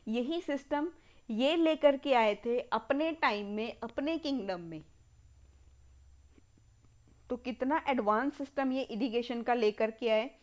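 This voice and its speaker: This history teacher, a woman with an Indian accent and a somewhat high voice, delivers an exam-prep lecture. She repeats key terms slowly as though dictating, blending Hindi and English words.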